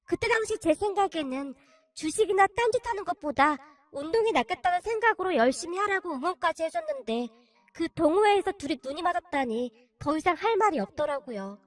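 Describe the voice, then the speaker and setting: A woman's voice: extremely high pitch, dry recording. A woman reading a first-person life story in an emotional, confiding scripted narration.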